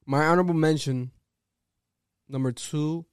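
Podcast co-host, male, loose joking banter, smooth clean voice, dry close mic. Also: on the high side, steady tone, normal speed, no echo. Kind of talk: casual chat.

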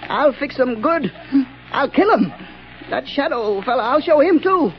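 A man's voice: extremely high pitch, expressive, a little slow, heavily acted. An actor playing an unhinged, stammering and giggling male subway night watchman in a 1930s radio drama. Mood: brooding, menacing. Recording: muffled 1930s radio recording with hiss.

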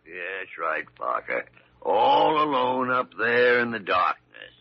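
An actor playing a crusty, teasing, folksy senior hospital doctor in a 1940s radio drama. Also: male voice, fairly low pitch, very animated, takes it slowly, gravelly, full character voice. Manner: folksy, colourful exclamations. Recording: muffled old radio recording.

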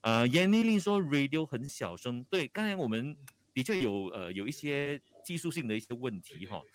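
A man's voice: mid-range voice, very animated, moderate pace, no room sound. A man with a Malaysian Chinese accent hosting a live radio chat, casual and a bit hesitant in his phrasing as he switches between languages. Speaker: radio host.

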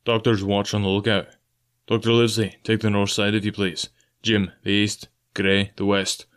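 A man's voice: on the low side, little pitch movement, normal speed, fairly bright tone, smooth, natural voice. A man voicing a stern older ship's captain who barks clipped orders. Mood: commanding.

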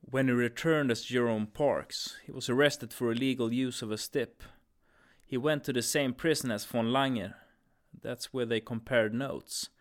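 A man's voice: mid-range voice, steady tone, measured pace, lightly acted. A man playing a firm, businesslike commander of a time-travel agency in an audio drama.

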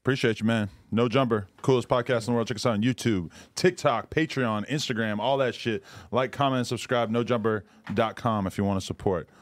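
A man's voice: mid-range voice, brisk, hardly any pauses, dry recording. A middle-aged man hosting a podcast, talking casually and laid-back, swearing freely. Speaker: podcast host. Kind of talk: casual interview.

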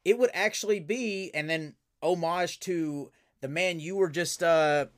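A man, a professional wrestler, telling stories as a guest in a casual interview, animated and full of fillers and restarts. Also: fairly high pitch, measured pace.

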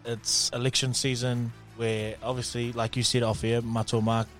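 New Zealand man, mid-pitched radio co-host. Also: little pitch movement, moderate pace, fairly bright tone, faint music behind. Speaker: radio morning show co-host. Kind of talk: casual, jokey radio chat.

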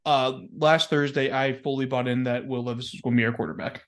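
An excitable man, co-hosting a casual sports podcast in slangy talk. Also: mid-range voice, a little fast. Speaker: podcast co-host.

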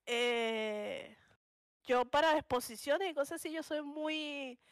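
A woman's voice: high voice, steady tone, slow pace, dry recording, studio quality. A young woman with a Venezuelan accent from Punto Fijo, co-hosting a casual podcast chat, slangy and laughing often. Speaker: podcast co-host.

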